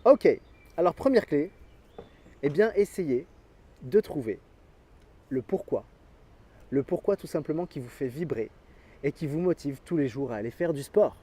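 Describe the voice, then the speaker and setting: An energetic man gives a motivational sports talk straight to camera and speaks directly to his viewers. His voice sits a little high for a man and has a mellow, soft tone. He chuckles often as he talks. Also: measured pace, long pauses, breathy edge.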